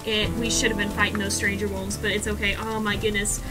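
A young woman streaming a speedrun, giving quick, excitable play-by-play commentary and repeating phrases as she goes. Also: mid-range voice. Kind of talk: live gameplay commentary. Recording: game music in the background.

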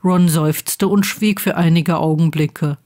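A woman's voice: low voice, steady tone, unhurried, dark tone. Woman reading fan fiction aloud. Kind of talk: storybook narration.

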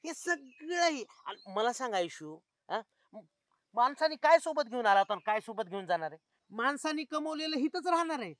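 A woman's voice: high voice, sing-song, no room sound. A woman playing a young village man who rambles and philosophizes in a comedy skit. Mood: musing. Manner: preachy, drawn-out musing.

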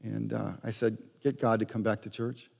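A man's voice: lowish voice, flat delivery, moderate pace, vocal fry, darkish tone. Male pastor preaching in a reverberant hall. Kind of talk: sermon. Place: church sanctuary.

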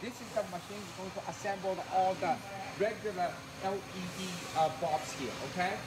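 Halting man touring a noisy warehouse. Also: high voice, fairly even intonation. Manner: halting, many fillers and repeated words. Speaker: company executive giving a tour. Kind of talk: live walkthrough chat. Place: large warehouse, indoors.

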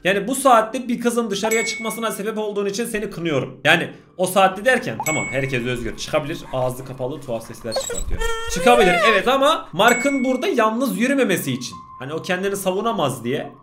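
A young man hosting a video, reacting to a chat story with excitable, loud outbursts. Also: high voice, fairly quick, hardly any pauses. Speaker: YouTuber host. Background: background music.

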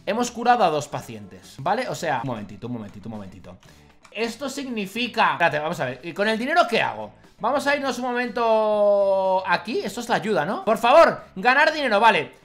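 A young man with a Spain Spanish accent giving excitable let's-play commentary, bursting into shouts and laughter. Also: sits high, brisk, faint music behind. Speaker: gaming YouTuber.

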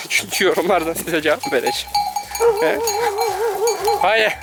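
A man's voice: sits high, expressive, moderate pace, vocal fry, very noisy. A man vlogging as he herds his animals, coaxing and scolding them with repeated calls and joking asides to viewers. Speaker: vlogger herding livestock. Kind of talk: casual running commentary to camera. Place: outdoors on a pasture with animals. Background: background music and farm animals.

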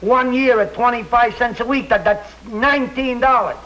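A man's voice: very high voice, moderate pace, a bit bright. An actor playing a grumpy, put-upon father in a 1950s television sitcom, complaining in exasperated, piled-up lists. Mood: grumpy ranting. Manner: exasperated, complaining, building lists for comic effect. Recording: noisy 1950s TV soundtrack.

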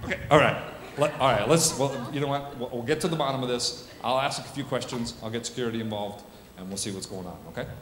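A man's voice: medium pitch, fast talker, background noise. A man in his thirties hosting a live comedy hypnosis show, speaking into a handheld microphone on a theater stage. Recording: echoey theater sound system, music behind.

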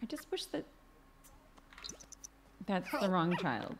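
A young woman commenting casually on a life-simulation game she is playing, expressive and quick to shriek and laugh. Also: on the low side, noisy background. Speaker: gaming video host.

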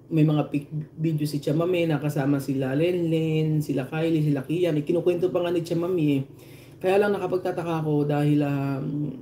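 A Filipino man vlogging, casually retelling a story to his viewers, lively, with laughter and many restarts. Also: on the high side, roomy sound, a little hiss or hum. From Philippines. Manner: animated retelling, quoting others in raised voices, frequent laughs and restarts.

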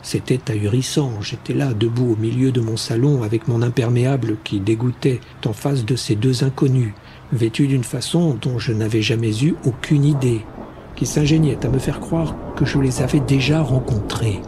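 Narrateur de livre audio à la voix sombre. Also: male voice, medium pitch, normal speed, dark tone, a little hiss or hum. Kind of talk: scripted first-person narration.

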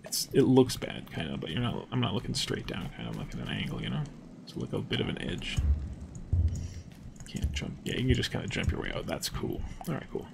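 A young man commentating a game casually, thinking aloud and dropping to hushed tones when nervous. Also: fairly low pitch, wildly swooping pitch, brisk, gravelly, a little hiss or hum. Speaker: gameplay commentator. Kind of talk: casual let's-play commentary.

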